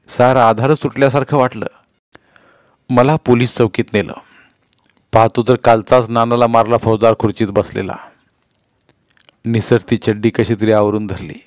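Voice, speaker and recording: A man narrating a novel in the first person, in a measured, earnest storytelling manner. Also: mid-range voice, darkish tone, no echo, clean studio sound. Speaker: audiobook narrator.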